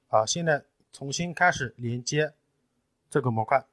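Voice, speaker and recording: A man's voice: medium pitch, measured pace, a bit bright, no echo. Man patiently walking through a tutorial. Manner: patient step-by-step explaining with fillers. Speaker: tutorial presenter. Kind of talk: screen-recorded technical tutorial.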